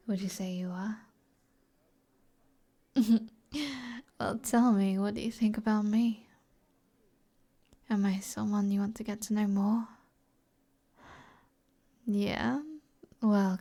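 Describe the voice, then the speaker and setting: Soft, breathy and mid-range, the voice of this British woman often slips toward a whisper as she teases in character. She is roleplaying an alluring, flirtatious sorceress for ASMR.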